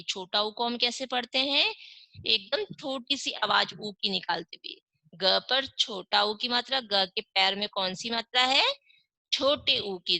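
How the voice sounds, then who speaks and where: A woman's voice: a little high, vocal fry, bright, forceful tone, no room sound, low-quality recording. A woman teaching young children in an online class, reading words syllable by syllable and asking and answering her own questions. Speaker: primary school Hindi teacher.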